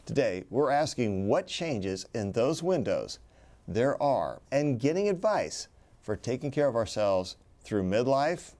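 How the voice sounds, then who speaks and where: A man's voice: mid-range voice, sing-song, unhurried, darkish tone. A man hosting a health talk show as a hospital's chief medical officer, with self-deprecating asides.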